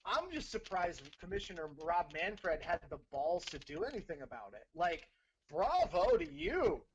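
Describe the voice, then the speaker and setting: A man's voice: a little high, big pitch swings, moderate pace, dull audio, slight background noise. A man co-hosting a sports podcast, giving blunt takes and often repeating himself. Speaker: podcast co-host. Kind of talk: casual sports talk.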